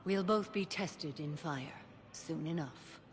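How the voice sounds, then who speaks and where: An actress playing a stoic alien warrior matriarch in a video game, formal, measured and solemn. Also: female voice, low-pitched, a crowd in the background. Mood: solemn, reflective. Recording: clear background ambience noise.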